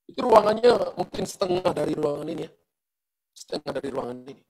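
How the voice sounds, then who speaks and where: Man, middle-aged, pastor, church sermon, high voice, gravelly, animated storytelling, talks to the congregation. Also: a little fast, crowd noise, rough recording. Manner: animated storytelling testimony, addressing the congregation directly.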